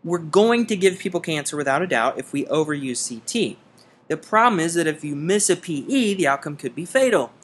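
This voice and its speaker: A man's voice: on the high side, animated, brisk, breathy edge. Wry American man discussing emergency medicine. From United States. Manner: wry, conversational, folksy phrasing. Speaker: emergency physician podcast co-host.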